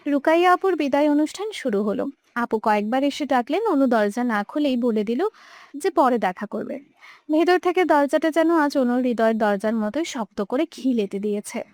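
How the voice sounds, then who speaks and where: A woman's voice: sits high, lively intonation, moderate pace, no room sound. A young woman narrating a romantic audio story with emotive, dramatic delivery. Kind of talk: scripted narration.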